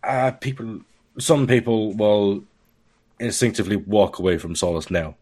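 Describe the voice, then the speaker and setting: A man's voice: lowish voice, moderate pace, darkish tone. A man talking casually as a podcast guest, candid and joking, laughing often at his own remarks. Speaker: guest software developer.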